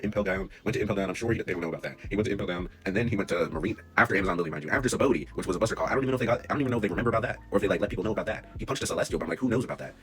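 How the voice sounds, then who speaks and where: A man's voice: low voice, fairly bright tone. A young man rambling casually in slang about an anime, talking into a phone he holds, with the clip sped up to double speed. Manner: slangy, rambling, self-interrupting. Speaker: anime commentary vlogger. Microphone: phone held in hand.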